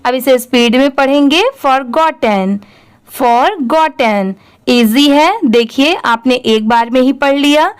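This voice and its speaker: A woman's voice: high voice, fairly even intonation, normal speed, hardly any pauses, clean tone. A young woman teaching English reading in an online lesson, patiently spelling out each word letter by letter, then saying it whole, and asking the viewer questions she answers herself.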